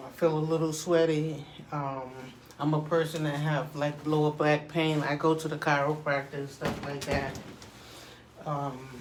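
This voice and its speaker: Higher-voiced man rambling through a noisy workout vlog. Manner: rambling, frequent "you know what I'm saying" tags. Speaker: video creator. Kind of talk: casual workout vlog, talking to camera.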